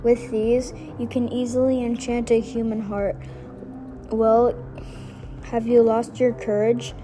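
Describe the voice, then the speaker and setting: A woman's voice: fairly high pitch, little pitch movement, slow, music in the background, poor audio. A woman voicing a cruel old female sea witch while reading a fairy tale aloud, stumbling and rereading words. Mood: menacing.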